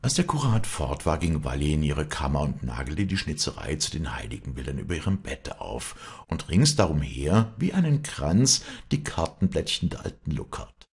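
Deep, gravelly, husky male narrator. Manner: expressive, measured storytelling. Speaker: audiobook reader. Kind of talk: audiobook narration.

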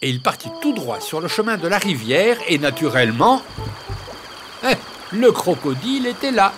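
A man narrating a children's tale in an expressive storytelling manner. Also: sits high, moderate pace, music in the background.

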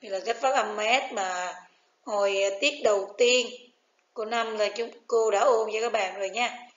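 Woman teacher, Vietnamese accent, slow and careful, bit higher voice, recorded in an echoey room. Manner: reads answer choices aloud, switching between English and Vietnamese. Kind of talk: recorded English review lesson. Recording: echoey, dull lo-fi room sound.

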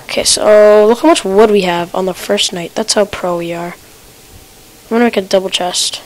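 A woman's voice: mid-range voice, moderate pace, low-quality recording. Rambling woman giving casual gameplay commentary. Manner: rambling, self-talking, with restarts and stutters. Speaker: gamer. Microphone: desk computer mic picking up keyboard clicks.

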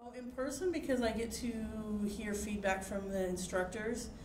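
A woman's voice: medium pitch, steady tone, moderate pace. Thirties woman, sincere interview answers, classroom mic sound with echo. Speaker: teacher education student. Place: classroom, indoors. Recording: echoey classroom with light noise.

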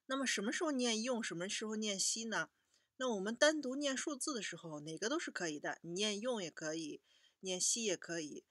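A woman teaching a children's language lesson, patiently repeating each word slowly for young learners. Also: mid-range voice, animated, fairly bright tone, no echo, studio quality.

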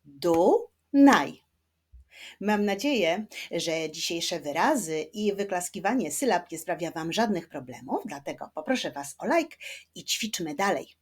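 A woman teaching children to read, speaking slowly and carefully and drawing words out syllable by syllable, gently encouraging her young viewers. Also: on the low side, expressive, slightly rough. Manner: slow, carefully spaced speech, stretching words syllable by syllable. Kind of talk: children's reading lesson.

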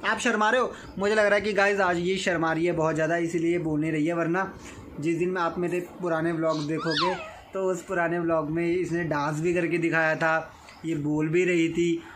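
A man's voice: a little high, level tone, moderate pace, fairly bright tone. A young man vlogging at home, talking playfully and coaxingly with a small child. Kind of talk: casual home vlog chat. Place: family home indoors. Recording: noisy home recording.

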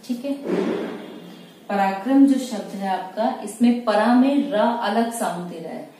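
Slow, patient woman teaching in an echoey room. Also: mid-range voice, dark tone. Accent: Indian Hindi. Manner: patient, repeats each word slowly while writing. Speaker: shorthand teacher. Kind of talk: step-by-step tutorial explanation. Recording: distant mic in a very echoey room with faint noise.

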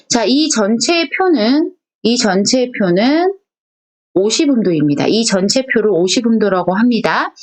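Woman from Korea, language teacher. Slightly high, very lively pitch. Patient, repetitive lecture pace, sounds out syllables one by one. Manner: patient, repeats each point, asks questions to the class. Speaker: Japanese teacher. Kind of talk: recorded online class lecture.

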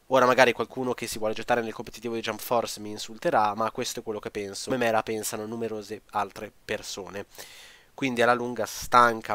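A man's voice: fairly low pitch, fairly bright tone, no room sound. A man giving a blunt, opinionated game review to his viewers, ranting and swearing freely. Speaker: gaming video creator.

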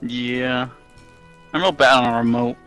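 A man's voice: medium pitch, steady tone, a little slow, a bit bright, faint music behind. A young man in casual gaming chat, crude and giggly, cracking up easily. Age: young adult. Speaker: gaming friend.

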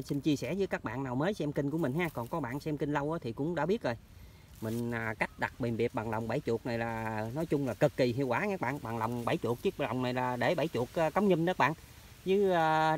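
A hunting vlogger with a Mekong Delta Vietnamese accent chats casually with viewers while walking through rural orchards and along canal banks, repeatedly calling them friends. His voice is medium-pitched, with a little hiss or hum in the audio.

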